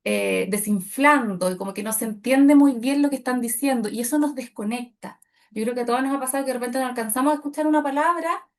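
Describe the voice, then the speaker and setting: A middle-aged woman teaching public speaking to a group of women, shifting her loudness and pace to demonstrate. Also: fairly high pitch. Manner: expressive, demonstrates loud and soft delivery. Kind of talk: workshop talk to women.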